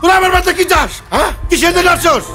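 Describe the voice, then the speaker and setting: A woman's voice: very high voice, animated, measured pace, shouting, heavily acted. An actress playing a defiant woman confronting intruders at her home in a film drama. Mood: alarmed, furious.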